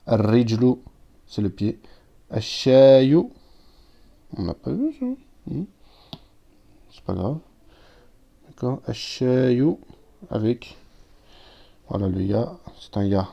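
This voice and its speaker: A man's voice: medium pitch, animated, slow, vocal fry, pauses often, warm tone. A man teaching a recorded language lesson, patiently explaining step by step and reading out words with their translations. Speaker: Arabic teacher. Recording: dull lo-fi sound.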